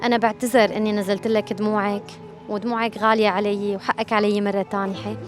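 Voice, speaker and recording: A woman's voice: mid-range voice, level tone, fast talker. A woman with a Syrian Arabic accent, working as an interviewer on camera in the street. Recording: background music under voice.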